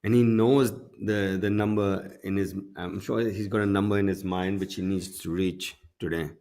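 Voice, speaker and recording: A man's voice: sits low, fairly even intonation, moderate pace, darkish tone. A man giving analysis as a golf commentator during live tournament coverage. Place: broadcast studio.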